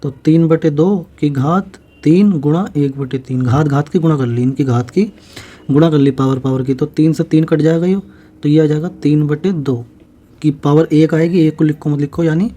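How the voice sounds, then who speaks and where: His voice is a little high and dark, with fairly even intonation, as he teaches an exam-prep maths lesson. He walks through each step slowly, repeats them, and asks questions he answers himself.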